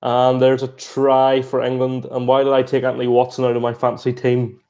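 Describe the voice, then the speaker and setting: A man giving chatty, excitable live reaction commentary on a rugby match, breaking into exclamations. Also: mid-range voice, brisk, clear, resonant tone. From Ireland. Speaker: sports reaction streamer.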